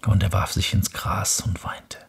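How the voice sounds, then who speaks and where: A man reading a bedtime story in a hushed, half-whispered delivery. His voice is deeply husky and breathy, with a gravelly fry and a slow, lulling pace. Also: little pitch movement.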